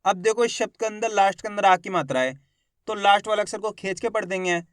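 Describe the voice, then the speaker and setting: A man teaches Hindi reading, speaking straight to his viewers as friends and drawing out each syllable slowly as he sounds it out. His voice is high and clear, smooth and resonant. The recording is dry and close, with no room echo. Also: a bit bright. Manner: slow drawn-out syllables when sounding out words; friendly direct address to viewers. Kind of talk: spoken lesson to camera.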